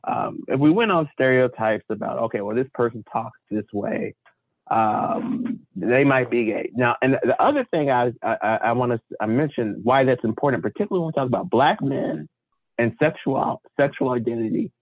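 A man speaking as a panel guest, explaining his views in an articulate, deliberate way with repeated emphasis. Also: medium pitch, dry recording. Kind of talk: impassioned explanatory discussion. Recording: tinny phone-like line.

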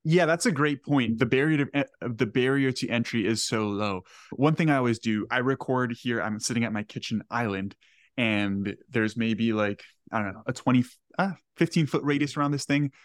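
A man's voice: mid-range voice, normal speed, no room sound. Young man in his twenties, podcast host, eager, earnest, repeats words, dry close sound. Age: 20s. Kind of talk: podcast interview. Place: home kitchen.

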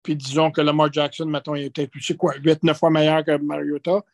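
A man with a Quebec French accent analyses football off the cuff. His voice sits somewhat high and the sound is dry, with no room on it. He talks conversationally, often stopping and restarting his thoughts. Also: little pitch movement, no echo. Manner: halting, conversational, with trailing restarts. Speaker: sports analyst and guest. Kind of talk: unscripted football commentary in conversation.

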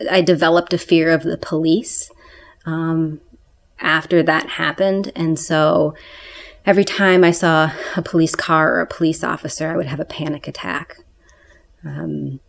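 A woman being interviewed for a documentary whose voice has been disguised to sound deep, speaking in a measured, halting way. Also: level tone, creaky. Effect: voice disguised, pitched deep.

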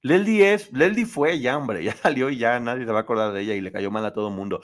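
A man hosts a casual live show, reading viewer comments aloud. He talks in a chatty, opinionated way, and his pitch swings up and down often. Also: fast talker.

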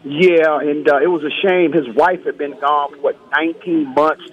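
A man's voice: on the high side, steady tone, moderate pace. A man calling in to a radio talk show, talking in a chatty, friendly way and asking plain questions, heard through a bluetooth headset mic on a phone call. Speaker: caller. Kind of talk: casual call-in chat. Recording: muffled phone line.

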